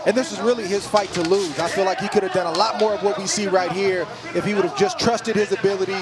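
A man's voice: high voice, fairly even intonation, fast talker, a loud crowd. A man giving conversational boxing analysis as part of a broadcast commentary team.

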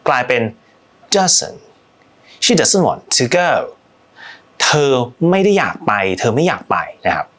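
A man tutors English in a chatty, student-facing way. His pitch rises and falls freely as he explains, and he drops into slow, careful delivery for each example sentence. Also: big pitch swings, a bit bright. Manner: slows down to model example sentences; chatty, addresses students directly. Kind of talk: language lesson.

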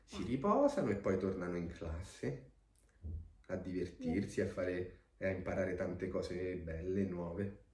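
A man reading a picture book aloud to a child with gentle, expressive storytelling, pausing to answer the child. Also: low voice. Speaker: storybook reader. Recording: echoey room.

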